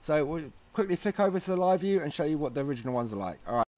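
The host of a how-to video series chats informally, explaining things step by step in casual tutorial narration. His voice is fairly high with a darkish tone, and he sounds animated while racing along.

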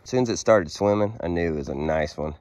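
Low-voiced and fast-talking, a head cold leaving him hoarse and froggy, this Arkansas vlogger in his thirties fishes a creek from his kayak. He keeps up upbeat chatter and gets excited reeling in fish. A pole-mounted action camera gives a dry recording.

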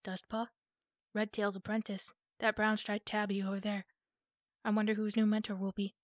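A woman's voice: medium pitch, little pitch movement, moderate pace, dry recording, close to an everyday voice. A woman voicing a friendly, chatty young male apprentice cat in a storybook reading.

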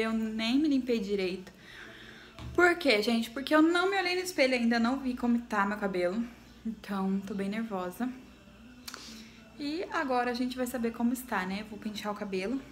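A woman's voice: fairly high pitch, moderate pace. A woman with a Brazilian accent chatting nervously to her viewers in a casual home vlog, filmed on a phone set down nearby. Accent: Brazilian Portuguese. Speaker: vlogger. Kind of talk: casual vlog chat to camera. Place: home, bathroom area. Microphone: phone camera set down nearby.

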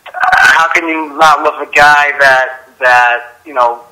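A man calling in over speakerphone, telling a story in a relaxed, rambling way, full of fillers. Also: on the high side, measured pace. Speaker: caller. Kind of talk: casual phone chat. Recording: tinny speakerphone line.

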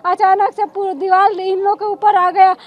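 A woman in her twenties, a survivor, giving a distressed, halting account to a reporter outdoors. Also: extremely high pitch, flat delivery, highs cut off. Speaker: survivor interviewed. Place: outdoors in a crowded lane. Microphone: handheld news mics.

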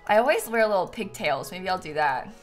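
Chatting a little fast in a fairly low-pitched voice with lively intonation, this young adult woman hosts a game stream from a small room at home. She's playful and self-deprecating with viewers, giggly and close on the mic, while game music plays.

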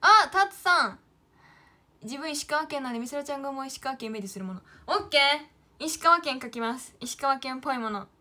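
A high, fast, sharp-toned voice belongs to this late-teen idol livestreamer from Kyoto, Japan. Drawing on stream, she chats casually in Kyoto Kansai dialect to her viewers and to herself, often using her own name.

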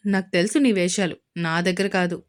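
A woman's voice: lowish voice, steady tone, brisk, natural voice. A woman voicing a playful young husband in a romance audio story, teasing and mock-scolding his wife.

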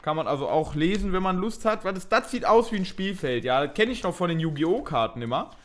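A man's voice: high voice, animated, fairly quick. A young man hosting an unboxing video, chatting casually and thinking aloud with a mildly self-mocking tone.

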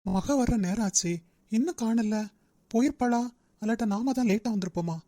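A strict young cartoon manager, as a woman voices him, lecturing at a quick clip. The tone is dark and mellow, and the sound is close and dry with no room around it. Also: mid-range voice, no echo, lightly acted. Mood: wistful. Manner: brisk, lecturing. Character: young male company manager, strict and demanding. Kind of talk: Tamil cartoon dub.

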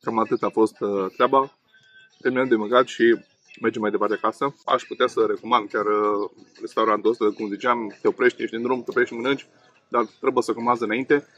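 A food vlogger in his thirties from Romania talks in a mid-range voice over dull audio, eating and reviewing food casually. His relaxed, chatty delivery is full of fillers. He sits at an outdoor table by a main road with the camera on the table in front, amid faint road noise, passing traffic and open-air ambience.

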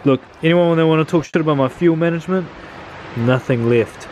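A man's voice: a little high, a little fast, a little mellow, a little hiss or hum. A young man, talking casually and swearing loosely while filming himself cooking at a backyard grill and in a kitchen, holding the camera close. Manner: laid-back, slangy, swears casually. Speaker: cooking vlogger.

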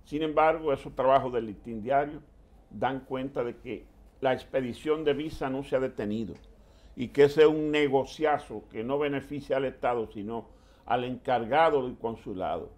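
Older man giving measured TV commentary. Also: medium pitch, a little mellow. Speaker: TV commentary host. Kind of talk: studio political commentary. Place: TV studio.

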